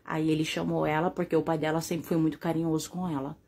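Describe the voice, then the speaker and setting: A woman's voice: low-pitched, level tone, fast talker, dark tone, breathy edge. A woman with a Brazilian accent gives an earnest first-person testimony about her family, speaking straight to her viewers and checking in with frequent tag questions. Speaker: mother telling her own story.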